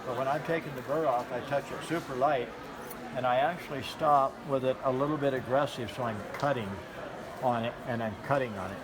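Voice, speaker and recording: With a crowd audible behind him, a middle-aged knife sharpening demonstrator speaks fairly quickly in a medium-pitched voice. His live hands-on demo is casual and folksy, with plain explanations and repetition for emphasis. A handheld camera a step or two away records him in a big, noisy expo hall with a concrete floor, the background noise coming through clearly.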